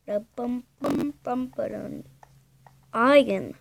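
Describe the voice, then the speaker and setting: A woman's voice: on the high side, slow pace, gravelly, dry recording. A young woman casually commentating her gameplay, thinking aloud hesitantly and humming to herself. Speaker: gamer.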